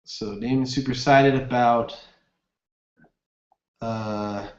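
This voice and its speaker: A man's voice: medium pitch, steady tone, slow pace, darkish tone. A young man hosting a casual gaming livestream, rambling upbeat with lots of fillers while reading viewer comments. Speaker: livestream host. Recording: roomy, dull lo-fi webcam audio.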